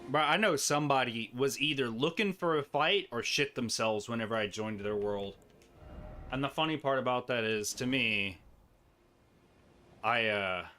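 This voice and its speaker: A gameplay streamer with a mid-range, bright voice and forceful tone rambles and jokes to himself while playing a game, giving casual commentary.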